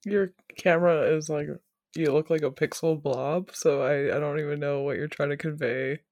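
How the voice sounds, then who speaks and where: A man's voice: fairly high pitch, steady tone, moderate pace, a little mellow, no echo. A man co-hosting a podcast from home, chatting casually and tossing in dry quips. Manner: dry quips, laughs along. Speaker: podcast co-host. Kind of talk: casual chat. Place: home, recording remotely.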